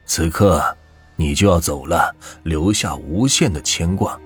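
A man voicing an old village ceremony master who gives grave, slow advice. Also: rumbling low, faint music behind. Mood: solemn. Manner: solemn, slow, advising.

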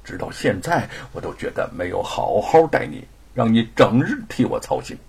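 A man's voice: fairly high pitch, huge pitch swings, moderate pace, husky, pitched above the performer's own voice, heavily acted. A man voicing a passionate scholar husband in an audiobook, dramatic and teasing. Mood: tender. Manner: dramatic, swings from pleading to stern.

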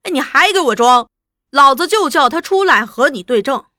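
A woman voicing a bullying male interrogator who shouts domineering threats. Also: high voice, expressive, normal speed, dry recording, clean studio sound. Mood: shouting threats.

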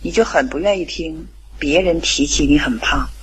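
A middle-aged woman telling a family anecdote, lively and quoting the dialogue in character. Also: sits low, moderate pace, slight background noise, low-quality recording. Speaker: parent. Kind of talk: storytelling anecdote.

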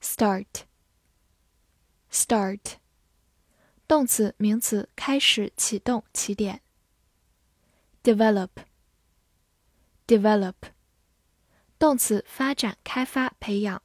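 A woman's voice: a little high, a little slow, few pauses, a bit bright, no room sound, clean studio sound. A woman giving a scripted vocabulary lesson as a teacher, over-enunciating carefully and repeating words for learners. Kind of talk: scripted instructional narration for learners.

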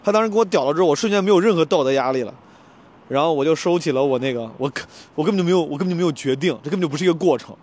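A young man talks to camera in a casual vlog, racing through a story at high speed. His voice sits a little high, and he is animated and slangy, tripping over words and restarting sentences as he goes. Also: racing. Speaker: stand-up comedian vlogger.

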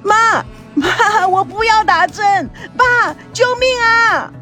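A woman's voice: very high voice, animated, slow pace, pushed and bright, soft background music, voice pushed up, heavily acted. A woman voicing an adult daughter who screams in frantic despair in a hospital room.

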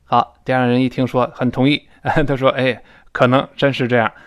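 Male English teacher, mid-pitched voice, animated classroom delivery, drills pronunciation with drawn-out repeats. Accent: Mandarin Chinese. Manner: repeats words slowly, often drawn out, to demonstrate; lively, frequent pitch jumps for emphasis. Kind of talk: spoken English lesson explaining pronunciation.

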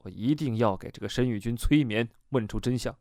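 A man reading the lines of a calm, determined woman hypnotist in an audiobook, in a low and measured way. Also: no echo, clean studio sound, close to an everyday voice. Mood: steady.

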